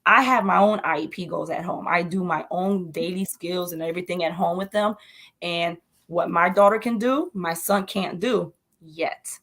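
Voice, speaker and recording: A woman's voice: on the low side, moderate pace, fairly bright tone. Earnest mother speaking emphatically. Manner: earnest, emphatic, repeats herself. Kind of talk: interview conversation.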